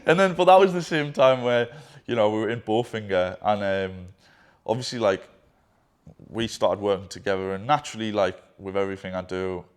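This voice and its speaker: Young man, lowish pitch, candid and rambling, casually swears; a business partner looking back with him. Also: moderate pace, clean tone. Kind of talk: candid conversation.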